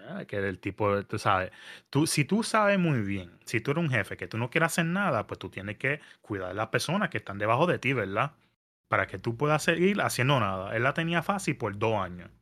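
A man, telling a story in casual podcast chat, animated and mixing in English words. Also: mid-range voice, fairly quick. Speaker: podcast guest. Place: New York area.

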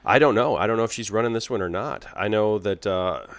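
A man's voice: lowish voice, brisk. A man who is a teacher co-hosting a school podcast, chatting in an easygoing way. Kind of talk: casual chat.

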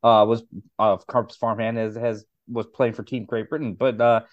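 A man's voice: medium pitch, level tone, moderate pace, no room sound, highs cut off. A man co-hosting a sports podcast, hedging and agreeable, with many fillers. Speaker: podcast co-host. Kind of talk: casual sports podcast chat.

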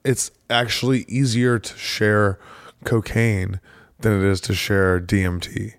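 A man's voice: fairly low pitch, steady tone, a little slow, dry recording, clean studio sound. A man, a stand-up comedian, talking casually on a podcast, rambling, restarting his thoughts and swearing freely. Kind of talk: casual conversation.

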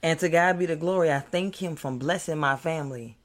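A man's voice: a little high, brisk, fairly bright tone. An American man preaching an impromptu, fiery sermon in the manner of a doomsday street preacher, emphatic, repeating phrases and addressing listeners directly.

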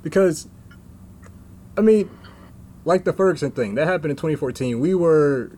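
A young man in casual conversation, making his points in a measured, thoughtful way. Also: fairly high pitch, expressive, a little mellow, slight background noise. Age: young adult. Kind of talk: casual chat.

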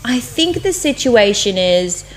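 A woman's voice: fairly high pitch, sing-song, unhurried, a little hiss or hum, poor audio. A woman in her late twenties co-hosting a casual advice podcast, cheering the listener on with an upbeat pep-talk manner. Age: 20s. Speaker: podcast co-host.

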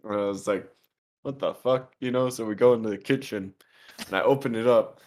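A man's voice: lowish voice, fast talker, a little mellow. A man in his twenties chatting casually with a friend at home, laid-back, swearing often and laughing a lot. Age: 20s. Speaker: podcast co-host. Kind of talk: casual chat. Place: home, eating pizza.

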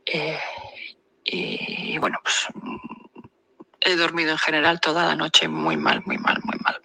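A woman from the Basque Country telling her own story in a recorded voice message, hesitant, with many fillers and pauses. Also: low voice, very animated, creaky, background noise. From Basque Country, Spain. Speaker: caller sending a voice message. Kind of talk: recorded personal account.

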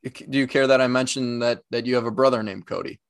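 A man co-hosting a casual podcast, with a middling pitch and an easygoing, halting way of talking. He often restarts his sentences. The sound is dry and close, with almost no room echo. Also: steady tone, smooth. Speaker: podcast co-host.

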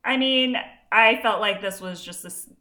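A woman's voice: medium pitch, moderate pace, sharp tone. A woman co-hosting a podcast, chatting casually about a TV episode and laughing often. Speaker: podcast co-host. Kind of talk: casual chat recapping a TV episode.

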